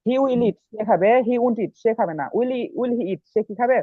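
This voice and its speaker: Man, high voice, student reciting drills, polite, thin phone-like call sound, dry. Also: a little slow, husky, no room sound. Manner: polite, recites each line then its translation. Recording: tinny dry call audio.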